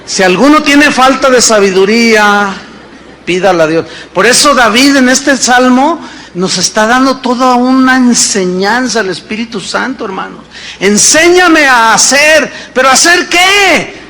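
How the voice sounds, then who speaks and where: A man in his fifties preaching a sermon as pastor, animated and full of rhetorical questions. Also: extremely high pitch, moderate pace, a little hiss or hum. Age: 50s.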